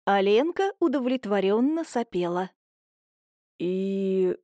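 A woman narrating an audiobook in a lively, expressive way. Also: a little high, moderate pace, dry recording, clean studio sound. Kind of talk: audiobook narration with character voices.

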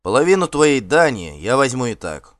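A man's voice: medium pitch, big pitch swings, moderate pace, no room sound, voice pushed up, lightly acted. A man voicing a stern, contemptuous Norse warlord in an audiobook, commanding and scornful. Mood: mocking. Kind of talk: audiobook character voice.

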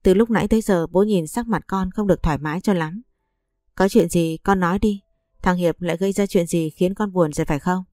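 A woman's voice: lowish voice, a little fast, mellow, dry recording, clean studio sound, natural voice. A woman voicing a protective older father-in-law who speaks in a concerned, questioning way.

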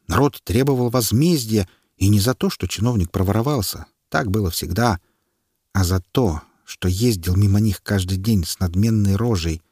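A man's voice: on the low side, breathy edge, no echo, studio quality. A man narrating an audiobook expressively and voicing all of its figures. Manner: expressive reading, playing every figure.

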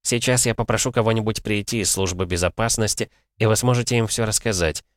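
Guy reading a stiff polite bank clerk dude, firm, low and dry. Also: fast talker, dry recording, natural voice. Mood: politely stubborn. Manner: courteous and firm.

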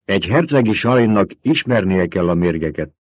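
Guy doing a cold bossy old priestess lady, husky, dull lo-fi audiobook sound. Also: low voice, animated, no room sound. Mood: mocking. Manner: commanding, sharp, cold. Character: stern, menacing old woman, a priestess.

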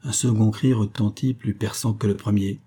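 Low, husky male audiobook narrator. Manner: steady, measured storytelling. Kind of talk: scripted narration of a novel.

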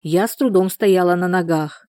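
A woman reads a novel aloud in first person, in an even, measured way. Her voice is low and mellow. The recording is close and dry. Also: no room sound. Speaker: audiobook narrator.

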